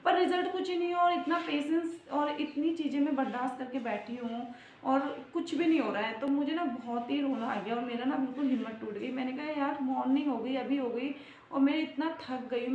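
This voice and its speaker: A woman's voice: sits high, a little fast, a little mellow, a little hiss or hum. A young woman vlogger telling her own story in a confiding, emotional way, full of fillers. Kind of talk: personal storytelling. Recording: roomy, slightly dull home recording.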